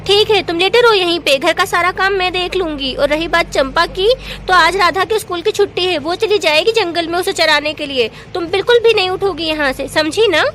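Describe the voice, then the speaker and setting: A woman's voice: very high voice, a little fast, few pauses, fairly bright tone, slight background noise. A woman voicing a caring village mother who scolds and fusses.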